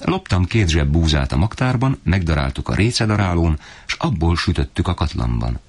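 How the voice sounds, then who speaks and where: A man's voice: low voice, sing-song, a little mellow, husky, exaggerated voice. A man voicing an eager little boy who coaxes his mother to eat. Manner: eager, coaxing.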